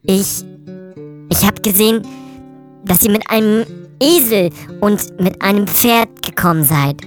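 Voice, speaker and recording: A woman voicing a hungry, defiant young female thief in an audio story, talking quickly. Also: medium pitch, soft background music, close to an everyday voice. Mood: persuasive.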